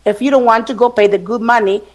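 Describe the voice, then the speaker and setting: A woman on a radio panel speaks her mind bluntly. Her voice sits a little high, and she drives each point home with emphasis and casual swearing. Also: fairly even intonation, fast talker.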